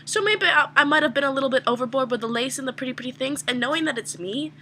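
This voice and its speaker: Bright-voiced young woman telling a story. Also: sits high, fast talker, slight background noise. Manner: animated, self-mocking, rambling with fillers. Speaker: vlogger. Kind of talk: casual storytelling to camera.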